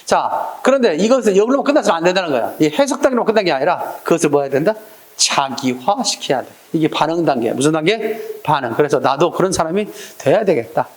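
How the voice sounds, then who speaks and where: Male exam-prep lecturer, high voice that swings around a lot, conversational and questioning. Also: expressive, fast talker, reverberant. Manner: questioning, acts out little scenes with quoted voices. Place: lecture room.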